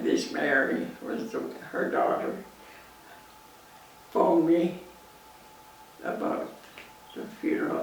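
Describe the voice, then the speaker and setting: A very old Canadian woman reminisces in an interview, slowly and with a gravelly creak in her voice. She halts and pauses mid-sentence. The recording is very echoey, picked up from a distance. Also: sits low. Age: 90s. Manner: halting, pausing mid-sentence. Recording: echoey, distant mic, faint noise.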